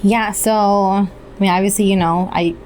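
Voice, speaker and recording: A woman from Puerto Rico whose first language is Spanish earnestly tells her life story as a guest in a casual podcast interview. Her mid-range voice is a little mellow, with fairly even intonation and a moderate pace, and the audio is poor, with a little hiss or hum.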